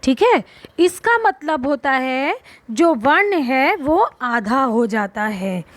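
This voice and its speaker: A woman's voice: high-pitched, very animated, slow, dry recording. A woman teacher explaining a grammar lesson to young schoolchildren, asking questions and answering them herself, and drawing out single letters and words. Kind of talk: Hindi grammar lesson for children.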